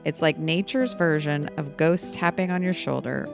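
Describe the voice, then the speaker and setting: Woman, middle-aged, podcast host, playful jokey storyteller, low pitch, gravelly. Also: normal speed, music in the background. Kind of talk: casual storytelling chat.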